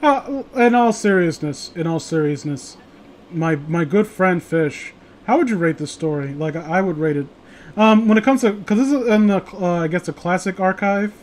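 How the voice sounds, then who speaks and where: High-pitched and lively in intonation but at a normal speed, this man hosts a horror story reading show. His casual commentary on the stories rambles, jokes and swears freely over the hiss of a noisy home recording.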